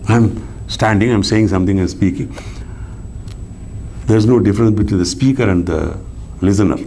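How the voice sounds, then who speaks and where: A man lecturing on scripture as a philosophy teacher, who poses rhetorical questions and answers them himself, swinging between raised emphatic lines and low soft asides. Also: moderate pace, a little hiss or hum.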